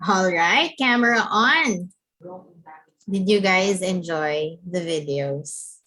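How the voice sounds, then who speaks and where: A woman's voice: fairly low pitch, slow, sharp tone, slight background noise. A woman working as a teacher trainer, giving casual instructions and playfully checking in with her group.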